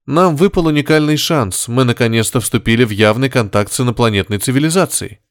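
Man playing a stern woman commander, firm, measured, commanding, slightly raised pitch. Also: dry recording, clean studio sound, lightly acted. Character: stern female spaceship commander, calm and firm.

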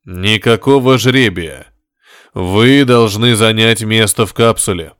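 A man voicing a resolute male crew officer who speaks firmly, slowly and deliberately. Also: fairly low pitch, a bit bright, clean tone, no room sound, studio quality. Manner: firm, slow and deliberate.

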